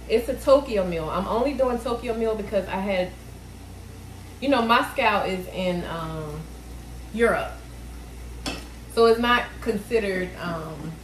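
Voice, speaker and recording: A woman in her thirties talking casually through a home cooking session, thinking aloud with fillers. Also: medium pitch. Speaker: cooking vlogger. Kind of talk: casual cook-along narration. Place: home kitchen, indoors. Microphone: camera on the counter. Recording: echoey kitchen with frying noise. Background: food sizzling in a pan.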